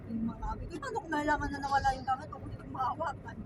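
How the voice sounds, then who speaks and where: A Filipina woman telling a story in casual chat, animated and quoting people. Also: high-pitched, rapid-fire. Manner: animated storytelling with acted quotes. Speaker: storyteller recounting a theft. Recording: distant mic with loud road noise.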